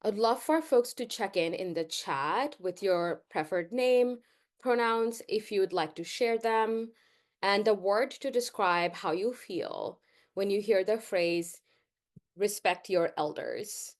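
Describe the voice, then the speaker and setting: A woman from Bangladesh, leading an online workshop in an earnest, measured way with frequent "um" pauses, heard over a video call. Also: medium pitch. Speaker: workshop facilitator.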